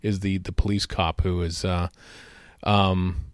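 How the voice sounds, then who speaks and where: A man co-hosting a podcast, chatting playfully and chiming in quickly about a TV episode. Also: sits low, clear, resonant tone, dry recording, clean studio sound. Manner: lively and playful, quick to chime in. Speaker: podcast co-host. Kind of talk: casual chat about an old TV episode.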